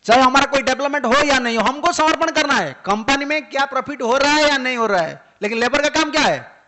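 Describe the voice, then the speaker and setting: A man's voice: very high-pitched, animated, fairly quick, sharp tone. A swami giving an emphatic devotional sermon, firing off rhetorical questions and mixing English words into his talk.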